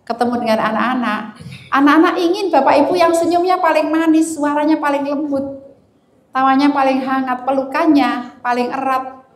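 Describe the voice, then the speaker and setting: A woman's voice: high voice, moderate pace. A woman giving a seminar talk on family life, telling a story expressively and speaking directly to her audience. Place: seminar hall. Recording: roomy hall echo.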